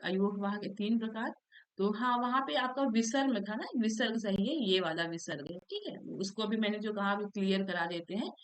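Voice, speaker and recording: A woman's voice: mid-range voice, poor audio. Woman teacher patiently explaining exam answers. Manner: explains patiently, often checks in with "thik" and "hai na". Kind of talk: exam-prep lesson.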